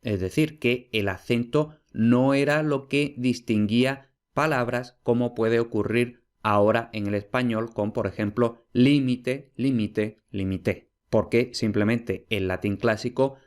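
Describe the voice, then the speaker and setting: Patient man lecturing on slides. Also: medium pitch. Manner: clear, patient, slows to spell out example words. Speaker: Latin philology lecturer. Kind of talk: recorded lecture over slides.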